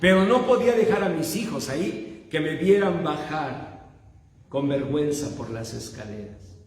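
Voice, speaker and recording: Animated Mexican preacher in an echoey hall. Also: male voice, a little high, normal speed. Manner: animated, self-mocking storyteller. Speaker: pastor. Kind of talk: humorous sermon storytelling. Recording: echoey hall with long reverb.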